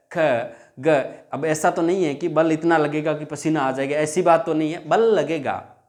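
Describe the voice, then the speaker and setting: A male teacher giving a classroom lesson, repeating each point and drawing out example sounds, calling viewers his friends. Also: fairly high pitch. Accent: Hindi.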